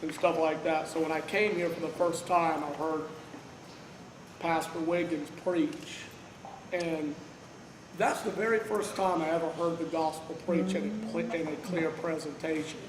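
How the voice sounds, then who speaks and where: A man in his thirties, originally from Kansas City, Missouri, gives a loud, rambling, heartfelt informal tribute to his pastor, full of "uh"s. With no microphone, he's picked up from across a large church fellowship hall, in an echoey room with noisy background. His voice is on the high side, steady in tone, and a little slow.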